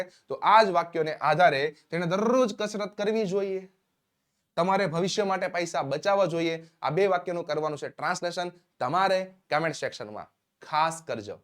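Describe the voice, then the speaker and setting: Upbeat male English teacher. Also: on the high side. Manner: upbeat, repeats "yes" and "next sentence", reads English slowly word by word. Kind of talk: spoken English lesson.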